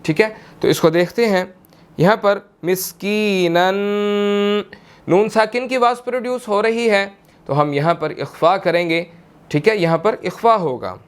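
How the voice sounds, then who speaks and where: A young man with a Pakistani Urdu accent teaches Quran recitation, patiently explaining and repeating words slowly to model their pronunciation, with slow melodic recitation between explanations. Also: high-pitched. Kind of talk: tajweed lesson, explaining and demonstrating.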